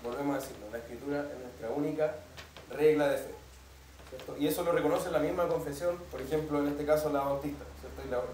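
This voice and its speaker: This pastor talks fast in a steady, somewhat high yet darkish voice, laying out a teaching sermon step by step and constantly asking the congregation "¿cierto?" to confirm they follow. The church hall is echoey, the mic is distant, and some hiss or hum is audible.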